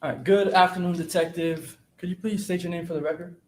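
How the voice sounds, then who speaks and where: A man, a defense attorney, quickly questioning a witness from a courtroom podium with halting restarts, heard in a courtroom recording. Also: steady tone, a little mellow. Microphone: courtroom podium microphone. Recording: echoey courtroom, faint rumble.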